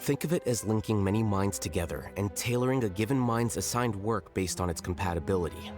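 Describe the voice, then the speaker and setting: Man acting a low-voiced, cool analytical scholar. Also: loud music behind the voice, lightly acted. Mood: explanatory. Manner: measured, didactic. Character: cool, analytical male scholar, composed and blunt. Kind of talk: video game dialogue acting.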